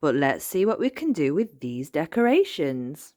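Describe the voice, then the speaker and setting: A woman's voice: low voice, big pitch swings, moderate pace, mellow. A woman voicing a jolly, kindly old grandfather pig in a storybook read-aloud, hearty and playful.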